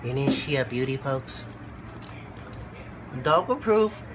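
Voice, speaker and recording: Congested from a cold, this host unboxes a computer for a relaxed vlog in an animated, medium-pitched voice that moves slowly and easily. Halting speech, plenty of fillers and asides to the dogs come through against background noise.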